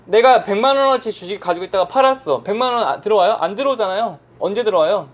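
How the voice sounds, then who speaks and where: A man's voice: high voice, expressive, quick pace. A man teaching an online insurance exam prep lecture, casually asking and answering his own questions.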